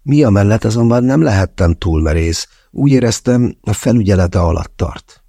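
A man's voice: fairly low pitch, animated, mellow, slightly rough, dry recording, studio quality. A man narrating a novel in the first person as an audiobook, in a wry storytelling manner.

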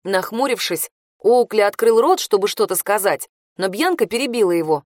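A woman narrating a first-person novel in a wry, expressive way. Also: mid-range voice, normal speed, no echo, studio quality. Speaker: audiobook narrator.

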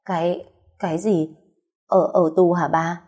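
A woman's voice: fairly low pitch, fairly even intonation, unhurried, warm tone. A woman with a Southern Vietnamese accent voicing a scheming older nanny who wails melodramatically. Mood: flustered. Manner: wailing, melodramatic exclamations.

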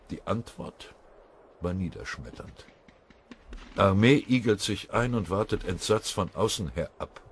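A man narrating a war novel as an audiobook in a measured, dramatic reading. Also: low voice, a little hiss or hum.

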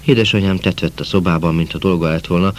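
A man reads a novel aloud in a calm, measured way, his sentences sinking at their ends. His voice is very deep. A faint hiss runs underneath. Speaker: audiobook narrator. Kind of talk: scripted novel narration.

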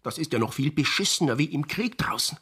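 An actor playing a bitter, gruff male drifter after the war in a radio drama, husky and sullen. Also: on the high side, expressive, brisk, fairly bright tone, heavily acted. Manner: gruff, sullen, bursts of anger.

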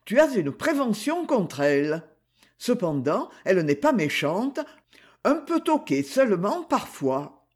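A man reading a novel aloud, voicing an indulgent nobleman who gently reproaches his cousin. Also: sits high, sing-song, measured pace, slightly rough, exaggerated voice. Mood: calm, reproachful. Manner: mildly reproachful.

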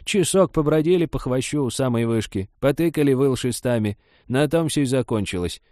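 A nosy old village woman barks orders and waves off every objection with scorn, as a man puts her on. The voice sits high and loud above a low, mellow reader's tone. It is a dry, close audiobook recording. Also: animated, brisk, dry recording, close to an everyday voice. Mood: bossy. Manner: pushy, scornful.

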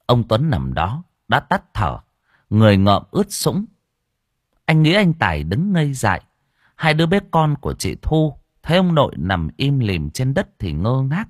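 A man narrating an audio story with expressive storytelling on a close mic. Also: mid-range voice, moderate pace, no room sound.

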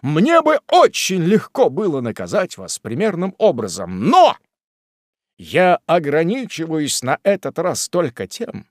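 A man voicing a kindly, stout older gentleman who declaims earnestly in a storybook reading. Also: on the high side, no echo, studio quality.

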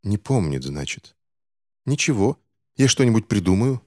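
A man's voice: fairly low pitch, sing-song, moderate pace, dark tone, no room sound, studio quality. A man voicing a harsh, desperate middle-aged mother in an audiobook, pleading and spiteful by turns. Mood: tense. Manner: pleading, then cold and spiteful.

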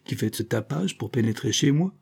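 Man reading villain count, scheming, persuasive, insistent, dark, husky, audiobook. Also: medium pitch, expressive, moderate pace. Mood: feigning. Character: scheming villainous nobleman, smooth liar.

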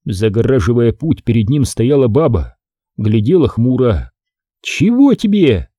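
Expressive male audiobook narrator. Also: medium pitch, moderate pace, no echo, clean studio sound. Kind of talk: scripted narration of a historical novel.

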